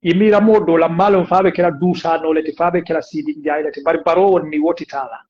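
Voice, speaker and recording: A man's voice: fairly high pitch, steady tone, fast, a little mellow, a little hiss or hum. A man with a West African accent joining a casual political chat as a guest. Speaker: guest on a live stream. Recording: dull, lo-fi call audio.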